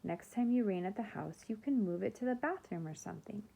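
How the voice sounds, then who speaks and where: A woman's voice: mid-range voice, animated, vocal fry, warm tone, breathy edge, lo-fi sound. A woman reading aloud, voicing a cheeky older sister who teases her sibling. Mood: teasing. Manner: teasing, quick.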